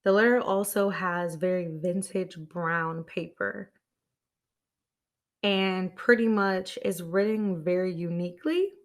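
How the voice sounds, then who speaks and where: Slow-talking woman hosting a podcast. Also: on the low side, fairly even intonation. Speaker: podcast host. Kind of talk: solo podcast talk.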